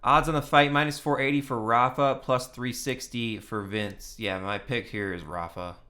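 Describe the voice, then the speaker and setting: A man's voice: medium pitch, fairly even intonation, normal speed, sharp tone. A man hosting his own fight predictions video, talking casually and getting worked up, swearing often and repeating himself for emphasis. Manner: heated and profane, lots of "come on now" and "you know what I mean". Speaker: host of a fight picks channel.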